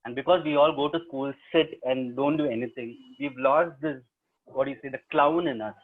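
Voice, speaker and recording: A man's voice: mid-range voice, steady tone, fairly quick. A man with a South Indian English accent answering questions as a storyteller, plain-spoken and given to short emphatic statements. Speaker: storyteller and stage performer. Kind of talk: webinar question-and-answer talk. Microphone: video call. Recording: narrow, phone-like online call audio.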